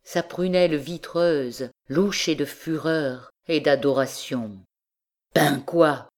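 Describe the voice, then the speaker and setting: A woman narrating a classic novel as an audiobook, reading in a slow, measured way. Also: deep voice, a little mellow. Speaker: audiobook reader.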